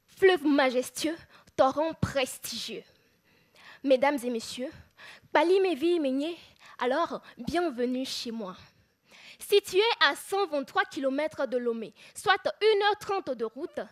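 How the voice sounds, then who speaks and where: Contestant, woman, high bright pitch, lyrical declamation. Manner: lyrical, oratorical. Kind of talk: declaimed speech praising a hometown.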